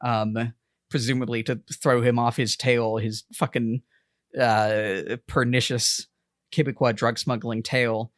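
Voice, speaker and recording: A man's voice: medium pitch, little pitch movement, slow pace, no echo, clean studio sound. A man co-hosting a podcast in a casual chat, rambling, laughing often and swearing freely. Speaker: podcast co-host.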